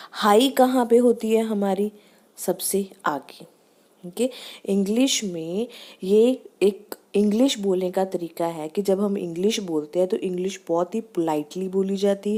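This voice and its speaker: Slow, mellow-voiced woman teaching pronunciation. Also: mid-range voice. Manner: slowly drawing out example words to show stress; reads English lines, explains in Hindi. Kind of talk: pronunciation lesson.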